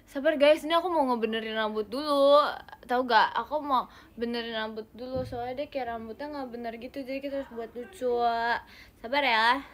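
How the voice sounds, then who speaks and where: A woman's voice: a little high, fairly even intonation, brisk. A young woman hosting a casual phone livestream, bubbly and giggly as she chats and thanks fans for their comments. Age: young adult. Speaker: idol livestreamer. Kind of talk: casual livestream chat, reading fan comments. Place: indoor room.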